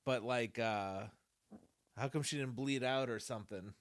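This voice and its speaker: A man's voice: medium pitch, measured pace, dry recording, clean studio sound. A man co-hosting a podcast, discussing a horror film in casual chat, musing aloud and laughing easily. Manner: laughs often, muses aloud with fillers. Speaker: podcast co-host.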